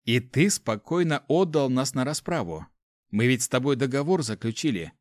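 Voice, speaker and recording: A man's voice: mid-range voice, animated, normal speed, no room sound, clean studio sound, close to an everyday voice. A man voicing an angry young male mage in an audiobook, blunt and clipped. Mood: curt. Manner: curt, clipped. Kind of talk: audiobook character voice.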